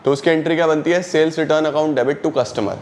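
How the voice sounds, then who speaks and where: A man's voice: on the high side, a little mellow, a little hiss or hum. A young man teaching an online accountancy lesson, explaining step by step and asking and answering his own questions. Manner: reads English definitions slowly, explains in Hindi.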